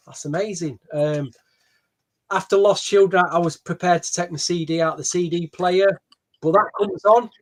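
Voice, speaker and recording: A man's voice: high-pitched, moderate pace. A man reviewing album tracks bluntly in a casual podcast chat. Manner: blunt and opinionated. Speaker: podcast co-host.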